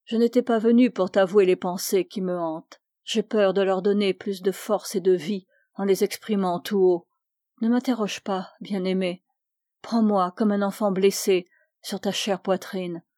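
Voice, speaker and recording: Woman voicing a tender, ailing young heroine for an audiobook, warm dry tone. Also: mid-range voice, fairly even intonation, a little slow, dry recording, natural voice. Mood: wistful. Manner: soft, wistful.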